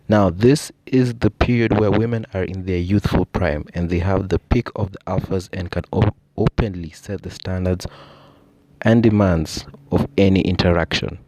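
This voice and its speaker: A young Kenyan man with a deep, low voice talks through ideas in a relaxed, explanatory monologue. He keeps dropping in "you know" and "I think" as he goes. The sound is close and dry. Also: dry recording. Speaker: podcast host. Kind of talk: casual monologue.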